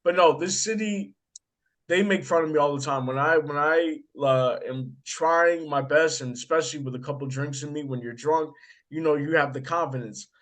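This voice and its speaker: A young American man hosting a casual chat, telling animated stories and swearing freely. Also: a little high, normal speed. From United States. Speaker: podcast host.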